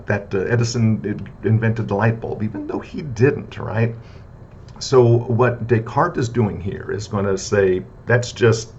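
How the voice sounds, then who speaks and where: In a casual, conversational philosophy lecture, a man with a darkish tone often checks in with "right?" and fills pauses with "uh." He debunks myths in a repetitive, list-like way, and the slightly dull lo-fi audio carries a faint rumble.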